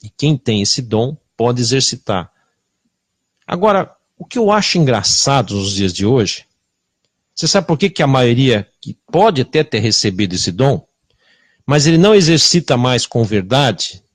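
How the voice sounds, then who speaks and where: Lively, confrontational Brazilian preacher man. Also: medium pitch, a little slow, no echo. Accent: Brazilian Portuguese. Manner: confrontational, rhetorical questions, swinging between loud and hushed. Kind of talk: sermon.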